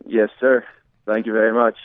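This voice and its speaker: Speaking at a normal pace in a level, fairly low voice, a young adult from Scotland gives a relaxed phone interview as a soccer player, his Scottish accent thick. The line is thin and tinny, and there's no room echo.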